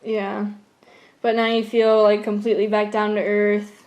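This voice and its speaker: A woman's voice: mid-range voice, completely flat delivery, moderate pace, a little mellow. A young adult woman with an American accent talking casually on a home vlog. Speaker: vlogger and caregiver. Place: room at home.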